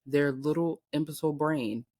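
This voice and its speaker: A woman's voice: sits low, moderate pace. Emphatic American woman in casual podcast chat. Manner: emphatic, slangy, animated rhetorical questions. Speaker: podcast co-host.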